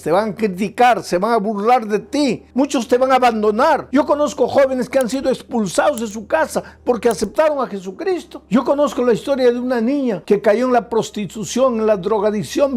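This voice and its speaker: A male pastor preaches emphatically in a high but mellow voice. He builds repeated lists of phrases and throws out rhetorical questions to his listeners. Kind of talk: sermon.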